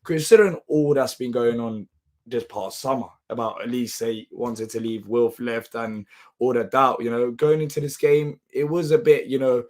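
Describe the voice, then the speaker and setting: A man hosting a live football reaction show, his voice hoarse and half lost, sounding tired. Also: medium pitch, normal speed, darkish tone. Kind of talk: live match reaction commentary.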